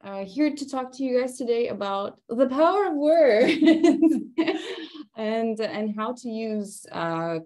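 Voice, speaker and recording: A woman's voice: mid-range voice, dark tone. A woman, presenting a workshop in a chatty way, laughing between phrases and using many fillers. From Estonia. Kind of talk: conversational presentation.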